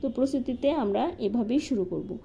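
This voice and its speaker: A woman calmly walking through a lesson plan step by step, as a teacher-training instructor. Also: fairly high pitch, fairly quick, gravelly. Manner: methodical, step-by-step with occasional fillers. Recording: slightly dull lo-fi recording with faint noise.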